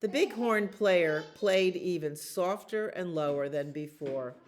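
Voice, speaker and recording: Faint music plays behind a woman with a lowish voice who, as a storytime librarian, reads a children's book aloud. She is expressive and unhurried, stretching out the words that repeat.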